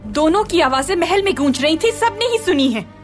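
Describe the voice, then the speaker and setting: A woman's voice: very high voice, animated, moderate pace, faint music behind. An actress dubbing an accusing palace noblewoman who speaks in a pointed way.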